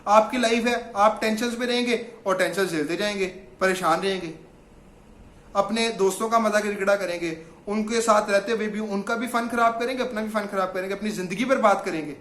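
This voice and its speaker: A man coaching listeners in a motivational self-help talk, slipping English phrases into his speech as he guides them through affirmations. His voice sits very high and sounds bright and forceful. The room around him rings with a noticeable echo. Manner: mixes English phrases into Urdu.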